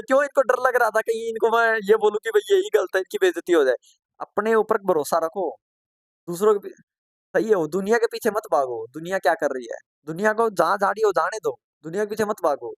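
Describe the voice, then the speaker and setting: A man leads a computer course online in real time, often supplying the answers to his own questions. Repeating key ideas, he prods students to answer promptly while lightly scolding and encouraging them. The voice is high-pitched and the recording dry.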